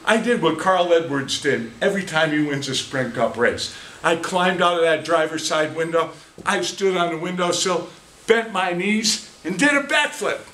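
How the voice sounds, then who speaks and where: An American in his sixties, competing in a speech contest, performs a theatrical tall tale for a live audience in a small indoor meeting room. His fairly high voice is pushed and bright with lively intonation, dramatic and emphatic with deliberate pauses. The distant camera, a few meters away, captures echo and faint noise.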